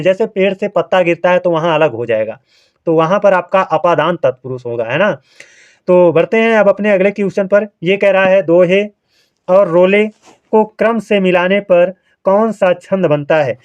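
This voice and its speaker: A man with a notably high voice teaches an exam-prep grammar lesson, taking each answer step by step and checking in with the listener. The recording is dull and lo-fi.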